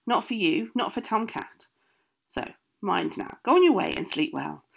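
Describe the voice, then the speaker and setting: A woman's voice: mid-range voice, very animated, normal speed, creaky. A woman voicing an old country woman baker who gives firm, emphatic orders in a storybook. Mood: insistent. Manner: bossy, emphatic instructions.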